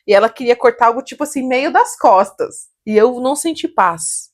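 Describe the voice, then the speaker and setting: A young Brazilian woman, a salon owner, telling animated stories on a casual podcast, laughing often and acting out what people said. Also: fairly high pitch, moderate pace. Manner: animated storytelling, laughs often, acts out quotes.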